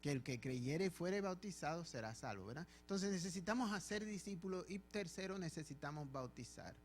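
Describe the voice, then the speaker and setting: A man's voice: a little high, animated, fairly quick, a little hiss or hum. A man with a Dominican Spanish accent, a pastor preaching a sermon in church with emphatic, repeated phrases. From Dominican Republic.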